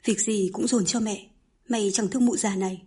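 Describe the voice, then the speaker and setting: A woman voicing a stern, scheming old mother who scolds and pushes her children, with a very breathy voice. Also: mid-range voice, fairly even intonation, a little fast, dark tone, natural voice. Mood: pushy. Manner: scolding, pushy.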